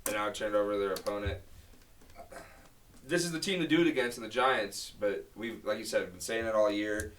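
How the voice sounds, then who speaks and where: A man co-hosting a sports podcast, giving game picks in casual, excitable chat and swearing freely. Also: lowish voice, moderate pace, recorded from a distance, slight background noise. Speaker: podcast co-host.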